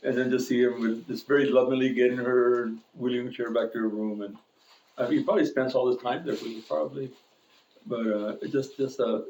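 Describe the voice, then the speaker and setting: A man's voice: medium pitch, creaky, darkish tone, echoey room, slight background noise, poor audio. A man preaching an informal sermon in a church, telling a personal story in a rambling, self-correcting way with frequent chuckles. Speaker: pastor. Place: church sanctuary.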